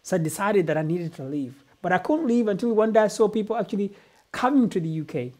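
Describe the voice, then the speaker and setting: A man's voice: high voice, lively intonation, quick pace, dark tone. Middle-aged Ugandan-born man, motivational coach, earnest storytelling with repeats. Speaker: business coach. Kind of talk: motivational talk.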